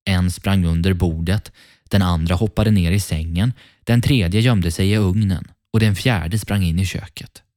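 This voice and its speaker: A man hosting a children's story podcast, narrating a fairy tale in a friendly, gently paced storytelling voice. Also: low voice, dry recording, studio quality. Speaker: storyteller host.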